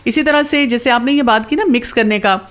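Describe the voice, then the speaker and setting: A woman's voice: on the high side, a bit bright. Woman, diet expert guest, conversational explainer who drops in English terms. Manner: explanatory, sprinkles in English words; acts out other people's replies in quotes. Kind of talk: casual talk-show chat.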